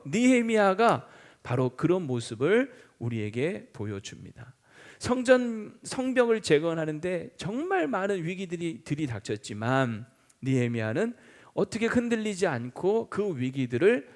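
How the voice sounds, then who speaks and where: Lively-pitched man preaching with emphasis. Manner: emphatic preaching with call-and-response questions; acts out taunts in mocking quoted voices. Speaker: senior pastor. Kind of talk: sermon.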